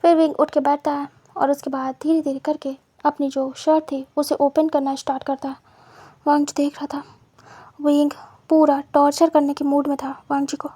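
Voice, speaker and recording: A woman's voice: sits high, warm tone, dry recording. A woman retelling a story in plain, repetitive narration.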